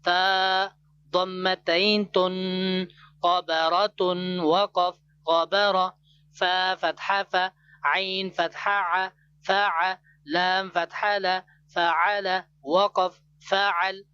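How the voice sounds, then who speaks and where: An online Quran teacher from Pakistan, spelling out words letter by letter in a slow, repetitive drill for beginners. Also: medium pitch, flat delivery, pushed and bright, clean tone. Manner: measured, repetitive letter-by-letter recitation. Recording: slightly muffled with faint hum.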